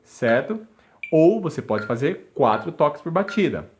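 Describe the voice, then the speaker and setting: A man's voice: on the high side, sing-song, measured pace. A man teaching a music lesson, counting beats aloud and chanting syllables along with a metronome. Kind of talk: instructional video lesson.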